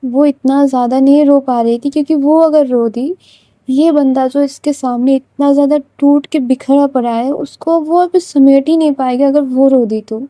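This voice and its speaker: A woman's voice: high-pitched, steady tone, normal speed, warm tone, no echo. A woman narrating an emotional love story in a conversational, dramatic way.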